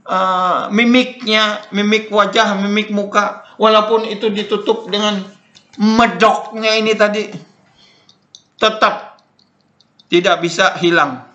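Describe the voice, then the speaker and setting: Older male lecturer, high bright voice, informal and repetitive with filler words, recorded in an echoey room. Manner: repeats points, frequent "nah" and "eh" fillers. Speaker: lecturer on Dayak Ngaju language.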